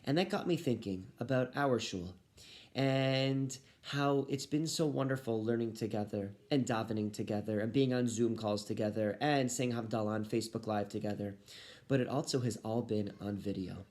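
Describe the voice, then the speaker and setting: A man's voice: fairly low pitch, normal speed, a little mellow. A man speaking as a rabbi, giving a short Torah talk addressed to children and families.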